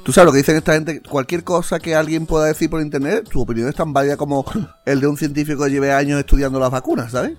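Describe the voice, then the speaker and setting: A man's voice: a little high, steady tone, fast, soft background music. Quipping podcast man. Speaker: podcast co-host. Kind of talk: casual podcast banter.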